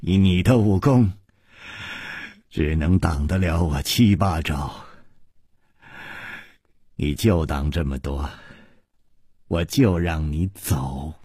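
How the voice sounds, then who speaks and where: A man voicing an imperious woman martial arts master who speaks coldly and with contempt, in a husky voice. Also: mid-range voice, big pitch swings, slow pace, dry recording, clean studio sound, heavily acted. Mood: cold, menacing. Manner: cold, commanding, contemptuous.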